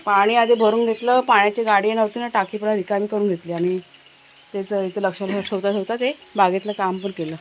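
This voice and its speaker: A woman from Maharashtra in casual vlog narration, chatty and explanatory as she speaks to viewers from an outdoor garden, now and then calling loudly to her dogs. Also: mid-range voice, level tone, fairly quick, a little hiss or hum. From Maharashtra, India. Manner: calls out loudly to her dogs between remarks. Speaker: family vlogger.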